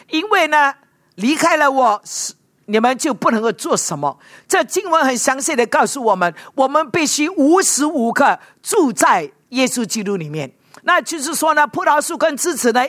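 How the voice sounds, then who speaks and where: Animated woman preaching, dry close sound. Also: high voice, dry recording. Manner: animated, asks the audience rhetorical questions, mixes in English words. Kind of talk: sermon.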